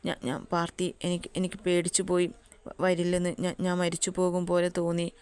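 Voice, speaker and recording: A soft-spoken young woman who is anxious and easily moved to tears pleads quietly, as a woman reads her lines. The voice is low-pitched and very smooth. The telling belongs to a storybook romance. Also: fast talker, lightly acted. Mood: pleading. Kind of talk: storybook dialogue reading.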